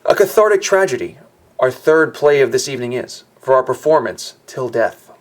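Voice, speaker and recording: A man reading out the lines of a formal alien theater announcer in a game, in a stately, drawn-out way. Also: medium pitch, lively intonation, close to an everyday voice. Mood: announcing. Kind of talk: reading game dialogue aloud.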